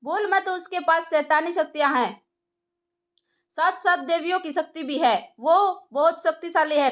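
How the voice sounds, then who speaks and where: A woman's voice: sits high, a bit bright. Woman voicing a teasing sleepy young man.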